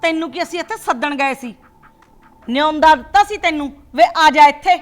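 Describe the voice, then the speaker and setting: A woman's voice: sits high, normal speed, lightly acted. An actress playing a domineering older grandmother who scolds and mocks her family, in a short drama film. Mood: scolding. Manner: scolding, sharp-tongued, sarcastic.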